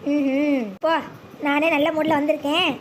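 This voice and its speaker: A woman's voice: sits high, little pitch movement, normal speed, slight background noise, voice pushed down, natural voice. A woman playing a lazy, drunk, bossy husband in a comedy skit, slurring her words.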